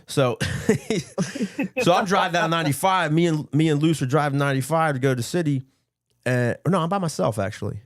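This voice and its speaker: A man's voice: a little high, lively intonation, moderate pace, dry recording, studio quality. A man telling a story on a podcast in casual chat, acting out quotes and laughing often. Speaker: podcast co-host.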